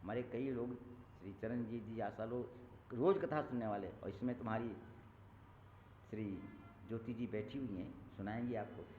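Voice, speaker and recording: A male preacher delivers a devotional sermon, moving from storytelling into slow, sung recitation of verses. His voice comes through a thin, phone-like channel that rings with the long reverb of a large hall. A faint hum sits underneath. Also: lowish voice. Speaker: katha preacher. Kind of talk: Ram Katha sermon with chanted verses. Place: temple hall. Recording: echoey hall over a tinny lo-fi line.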